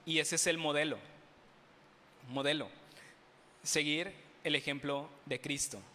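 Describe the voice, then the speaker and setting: Mexican pastor preaching in a reverberant hall. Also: male voice, on the high side, steady tone, measured pace, slight background noise. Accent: Mexican Spanish. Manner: asks the congregation rhetorical questions, with playful humor. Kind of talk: sermon. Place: church sanctuary. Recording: bright voice with long hall reverb.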